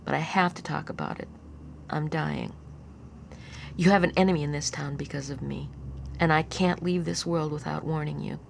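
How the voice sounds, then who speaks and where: A woman voicing a dying old grandmother in a storybook, speaking slowly and solemnly. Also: sits low, fairly even intonation, creaky, a little hiss or hum. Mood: grave.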